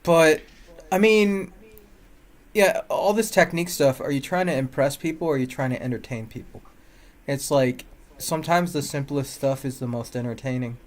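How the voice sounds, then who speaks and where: A man's voice: medium pitch, moderate pace. A man co-hosting a music podcast, joking in casual chat and humming riffs. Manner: joking, animated, hums riffs. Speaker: podcast co-host.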